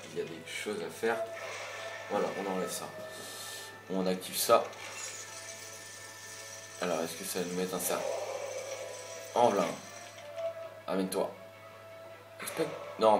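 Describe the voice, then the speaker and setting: A young man with a fairly low voice talks his way through a video game in a loose, rambling manner, dropping the odd curse. He sounds a touch irritated. The recording is roomy, with game music playing clearly underneath. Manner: rambling, chatty, mild swearing. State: a bit irritated. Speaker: gameplay commentator. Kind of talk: casual gameplay commentary.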